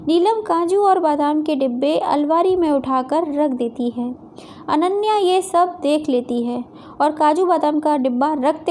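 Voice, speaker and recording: Slow high-voiced woman storyteller. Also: a little mellow, slight background noise. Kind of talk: moral story narration.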